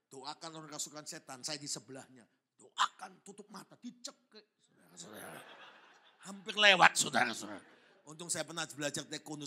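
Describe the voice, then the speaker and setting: Dramatic husky pastor telling a story. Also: male voice, on the high side, sharp tone. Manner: storytelling, dramatic, repeatedly addressing the congregation. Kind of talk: sermon. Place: church.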